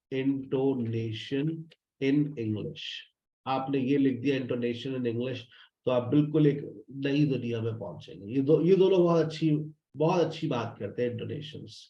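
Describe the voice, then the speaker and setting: A man's voice: medium pitch, moderate pace, warm tone. A man teaching a spoken English class, drilling phrases over and over and speaking to his students in a fatherly way. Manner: repeats phrases to drill students, fatherly, addresses them as "beta". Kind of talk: online class explanation. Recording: roomy, dull lo-fi sound.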